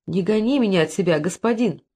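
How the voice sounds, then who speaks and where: A man's voice: high voice, fairly quick, a little mellow. A woman reading an audiobook, voicing a loyal, devoted male servant with a humble manner.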